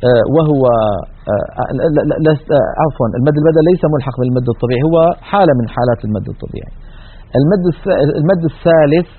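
A man teaching the rules of Quran recitation in a recorded lesson, explaining slowly and drawing out example words. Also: mid-range voice, breathy edge. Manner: slow explanatory delivery, stretches example words. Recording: tinny narrow-band recording.

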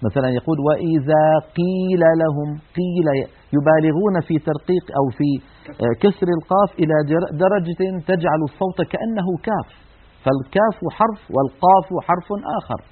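A man gives a Quran recitation lesson at a brisk pace, modelling each syllable and pressing his point with earnest rebukes. His voice sits a little high and has a husky edge. The sound is thin and tinny, like an old phone line. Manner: demonstrates sounds, repeats syllables, earnest and admonishing. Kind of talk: tajweed lesson on letter pronunciation.

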